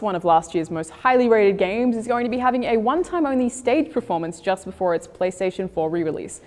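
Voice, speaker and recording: A woman's voice: medium pitch, a little mellow. A woman reading scripted video game reviews and news as a presenter. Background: music.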